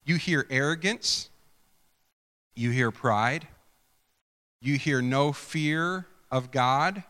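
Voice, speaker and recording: A male pastor gives a chatty, conversational sermon, often restarting his sentences and tossing questions to the congregation. His voice is bright and forceful, and it rings with a long reverb in a church sanctuary. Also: mid-range voice, extremely slow. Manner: chatty, self-interrupting, quizzes the congregation.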